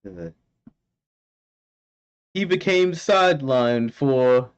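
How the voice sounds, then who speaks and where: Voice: mid-range voice, lively intonation, extremely slow, clear, resonant tone. A reaction video host giving casual commentary, musing and exclamatory, given to giggling. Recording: dull, lo-fi sound with music.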